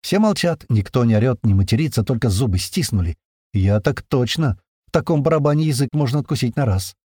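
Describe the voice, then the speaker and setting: A man reading a first-person action story aloud, telling it in a tense, lively way with plenty of swearing. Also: mid-range voice, fairly quick, husky, dry recording, studio quality. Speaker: narrator. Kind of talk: first-person audiobook narration.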